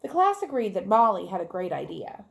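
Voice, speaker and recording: With a mid-range voice that swings widely in pitch, a woman reads a children's story a little quickly, in the manner of a teacher. She narrates clearly and expressively, performing dialogue, questioning the audience and tossing in chatty remarks.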